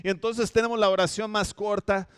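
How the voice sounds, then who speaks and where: A man's voice: high-pitched, steady tone, fairly quick, clean tone, no echo, studio quality. A man from Minnesota, a pastor giving a conversational sermon, telling the story with light humor and frequent self-corrections. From Minnesota, United States. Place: home setup for an online church service.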